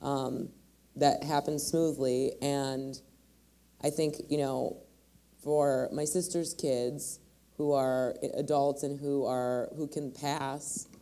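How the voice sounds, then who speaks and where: A woman's voice: a bass voice, fairly even intonation, slow pace, mellow. A woman in her forties from Michigan, speaking thoughtfully on a panel, with many restarts. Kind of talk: panel discussion. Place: large hall on a stage.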